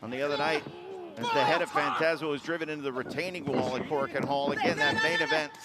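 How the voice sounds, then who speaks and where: High-voiced man calling wrestling action. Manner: excitable, quick calls of the action. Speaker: play-by-play commentator. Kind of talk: live wrestling commentary. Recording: loud arena crowd and noise.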